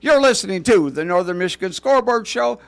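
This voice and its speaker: A man hosting a high school sports radio show in a friendly, chatty way. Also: expressive, fast, vocal fry, clean tone. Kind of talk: casual sports radio chat.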